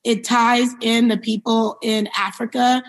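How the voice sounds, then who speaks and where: Her voice is a little high, level and unhurried. Born in Liberia and raised in New York City, she answers conversational interview questions as a company founder, in a reflective, explanatory way.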